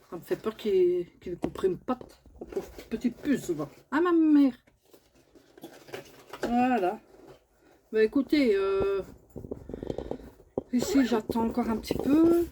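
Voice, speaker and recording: A woman's voice: mid-range voice, unhurried, noisy background. A woman, chatting casually in a home vlog and often cooing at her pet bird in a raised sing-song voice. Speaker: vlogger.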